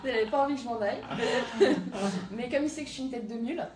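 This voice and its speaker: A woman's voice: fairly high pitch, fast, crowd noise. A woman in her thirties from southern France, a guest chatting casually about her career, with lots of hesitant fillers. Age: 30s. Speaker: guest, entrepreneur. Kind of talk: casual interview chat. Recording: roomy, distant mic, faint ambience.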